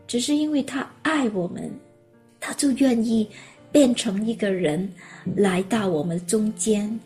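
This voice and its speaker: Storytelling woman preacher. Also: fairly high pitch. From Hong Kong. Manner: lively storyteller who acts out her own exclamations. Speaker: preacher sharing a testimony. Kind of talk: storytelling sermon.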